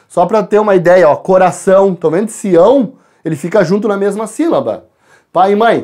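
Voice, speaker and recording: A male teacher goes through exam answers, talking straight to the students and their parents. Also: high-pitched. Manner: lively, addresses class and parents directly.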